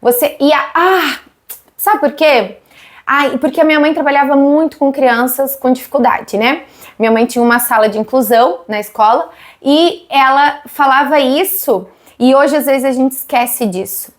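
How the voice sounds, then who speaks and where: A woman's voice: sits high, moderate pace. A woman in her thirties with a Brazilian Portuguese accent, explaining literacy teaching and asking her viewers questions. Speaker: literacy educator.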